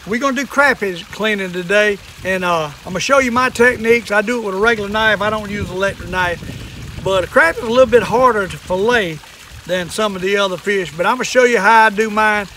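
High-pitched folksy older Southern man. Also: fast, pushed and bright, a little hiss or hum. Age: older, 60s or above. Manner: folksy old fisherman, plainspoken. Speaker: fishing and fish-cleaning demonstrator. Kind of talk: casual hands-on how-to demonstration. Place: outdoors in a wooded yard at a table.

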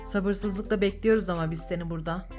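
A woman's voice: lowish voice, steady tone, brisk, darkish tone, soft background music. A woman hosting a children's vlog as a mother, chatting playfully and coaxing with sing-song questions. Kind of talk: playful casual chat with a child and viewers.

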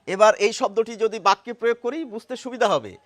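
A man's voice: high voice, fairly quick. A man giving a short pronunciation lesson, explaining step by step and repeating example words with care. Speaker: language teacher.

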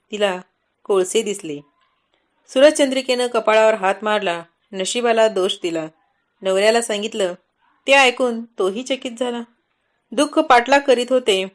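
Woman narrating a devotional folk tale. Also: fairly high pitch. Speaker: storyteller.

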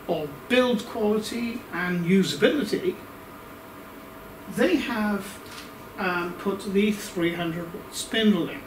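A man's voice: high voice, a little hiss or hum. A man with an Australian accent reviewing a machine in his workshop, casual and rambling, with plenty of ums and restarts. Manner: rambling, hesitant, many fillers and restarts. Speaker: workshop YouTuber. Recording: roomy workshop, mic at a distance.

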